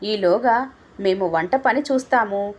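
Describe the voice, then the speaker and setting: A gentle, caring older mother, read by a woman. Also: medium pitch, slow. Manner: soothing, affectionate.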